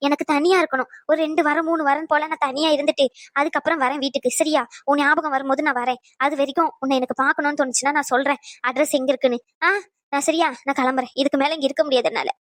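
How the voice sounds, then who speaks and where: A woman voicing a gentle mother comforting her daughter in a cartoon, tender and soothing. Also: high-pitched, steady tone, quick pace, no echo, studio quality, natural voice. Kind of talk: cartoon voice acting.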